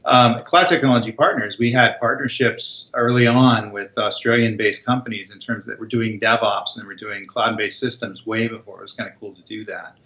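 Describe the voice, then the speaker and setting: A man's voice: lowish voice, fairly even intonation, moderate pace, hardly any pauses, pushed and bright, lo-fi sound. A man speaking as a guest expert in a podcast interview, talking confidently and with emphasis.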